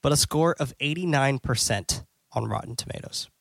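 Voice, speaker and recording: A man talks through a film in a relaxed podcast chat, full of "like" and "um", with the odd curse word. His voice sits at an ordinary middle pitch for a man. The sound is dry and close, with no room echo. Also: moderate pace, creaky. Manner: loose, filler-heavy, swears casually. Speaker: podcast host. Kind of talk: casual movie-review chat.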